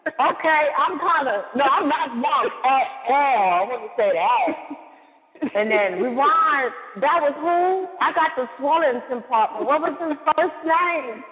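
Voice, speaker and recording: Giggly, animated woman guest. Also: high voice, a little slow. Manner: giggly, expressive reactions. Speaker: guest author. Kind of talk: casual chat. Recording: muffled with long reverb.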